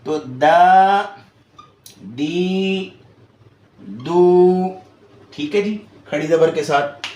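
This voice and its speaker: A man teaching Quran recitation, drilling each syllable slowly and deliberately. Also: high-pitched, darkish tone, reverberant. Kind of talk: tajweed lesson with drilled syllables.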